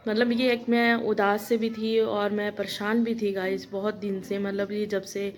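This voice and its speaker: A woman's voice: medium pitch, little pitch movement, a little slow, rough recording. A young woman vlogging in casual chat, emotional and talkative, often addressing her viewers directly. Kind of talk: casual vlog talk.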